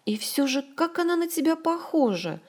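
A woman narrator voicing an emotional young woman friend who chatters in excited rushes and exclamations on the phone, in an audiobook. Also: high voice, pitched above the performer's own voice. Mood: marveling. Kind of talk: audiobook character voice.

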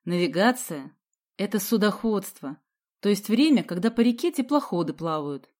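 A woman's voice: medium pitch, expressive, normal speed, darkish tone, natural voice. Woman doing a cocky teasing schoolboy. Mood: mocking. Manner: boastful, mocking.

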